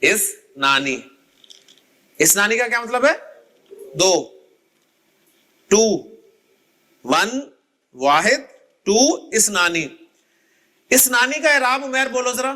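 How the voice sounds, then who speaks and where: A man's voice: very high-pitched, lively intonation, slow, long pauses, pushed and bright. A man teaching an Arabic grammar class, explaining patiently and calling on students by name to recite word endings. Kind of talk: classroom lecture.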